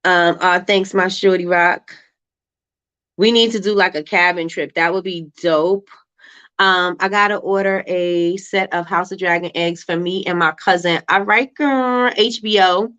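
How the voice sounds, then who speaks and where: A woman's voice: fairly low pitch, steady tone, unhurried, a bit bright, smooth. A woman from Brooklyn with a Brooklyn accent, hosting a casual livestream chat in an informal, slangy way as she reads out and answers comments. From Brooklyn, New York. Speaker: livestream host. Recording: dull, lo-fi livestream audio.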